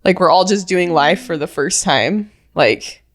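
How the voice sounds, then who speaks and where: A Utah woman in her twenties co-hosts a podcast, chatting casually, sprinkling in many "like" fillers and quoting her own thoughts. Her voice runs on the low side and a little slow.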